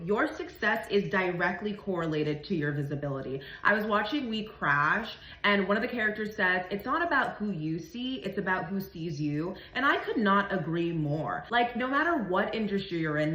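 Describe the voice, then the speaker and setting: A woman with a mid-pitched voice delivers motivational advice in an echoey room. She is direct and insistent, stressing her points. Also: a bit bright. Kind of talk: motivational advice talk to camera.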